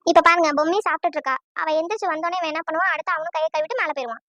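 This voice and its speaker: A middle-aged cartoon mother fusses anxiously over her family, voiced by a woman. Her voice sits very high. The sound is lo-fi and dry. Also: fairly even intonation, very fast, sharp tone, dry recording. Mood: worried. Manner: fussing, anxious.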